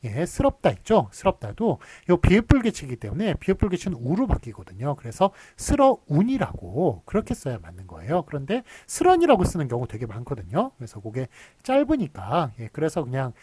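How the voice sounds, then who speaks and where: A man's voice: on the high side, huge pitch swings, a little fast, few pauses, warm tone, breathy edge, no room sound. A man from giving a recorded university lecture, explaining patiently with many fillers and restarts and drawing out his examples. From Seoul.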